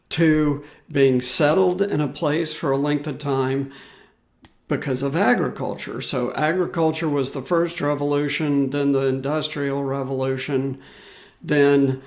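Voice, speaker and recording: A man's voice: mid-range voice, darkish tone. A man hosting his own podcast, talking loosely and unhurriedly with many fillers and restarts. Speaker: podcast host. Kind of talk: solo podcast commentary.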